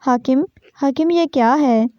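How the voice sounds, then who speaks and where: An anxious, gravely ill young wife pleads with worried questions in a storybook romance, as a woman narrator voices her. The voice is fairly high and mellow. The recording is dull and dry. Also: dry recording, lightly acted. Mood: tearful.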